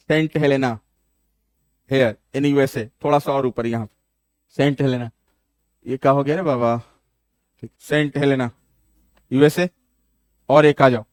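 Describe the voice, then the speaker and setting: A man's voice: on the high side, no room sound. A male geography teacher lecturing a classroom, switching between Hindi and English and repeating key names for students.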